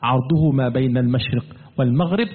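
Man, Quran commentary teacher, lively questioning style, slow chanted recitation, tinny phone-like sound, long reverb. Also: mid-range voice, slightly rough. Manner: animated, asks the class questions and answers them. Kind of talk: classroom lesson on Quran commentary.

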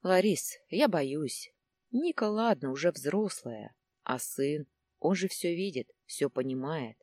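A woman's voice: low voice, animated, slow pace, a little mellow, no room sound, studio quality, full character voice. A woman reading the part of a worried, complaining middle-aged husband in a storybook.

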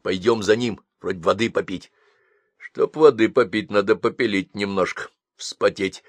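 A man's voice: lowish voice, moderate pace, dry recording, lightly acted. A man voicing a crafty, talkative police sergeant with a bossy manner. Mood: sly. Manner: chatty, wheedling, bossy.

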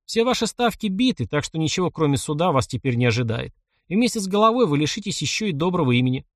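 A man voicing a calm, confident noble officer who speaks in a measured way. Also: fairly high pitch, no echo, studio quality, voice pushed up.

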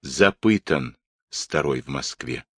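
A man's voice: a bass voice, animated, slow pace, fairly bright tone, slightly rough, dry recording, studio quality, voice pushed down, heavily acted. A man voicing a bitter, grave Cossack messenger in a storybook reading.

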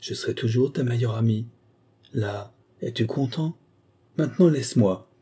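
A man reading aloud, voicing a brisk, coaxing young woman by raising his pitch. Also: mellow, breathy edge, natural voice. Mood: tender.

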